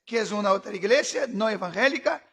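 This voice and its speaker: Very high-voiced fervent male preacher. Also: expressive, fairly quick, creaky, slightly rough. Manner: fervent preaching, shouting at peaks. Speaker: pastor. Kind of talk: sermon.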